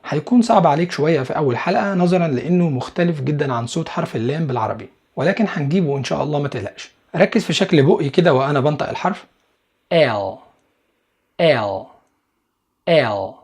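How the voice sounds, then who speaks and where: A man with an Egyptian Arabic accent teaching English pronunciation to beginners, patiently repeating each sound slowly and reassuring the learner. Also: fairly high pitch, expressive, a little mellow, husky.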